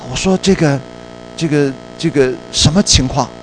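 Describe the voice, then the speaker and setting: A man's voice: fairly high pitch, normal speed, rough recording. Storytelling male preacher with faint music. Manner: lively storytelling, mixes in English words. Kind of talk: sermon with a personal story.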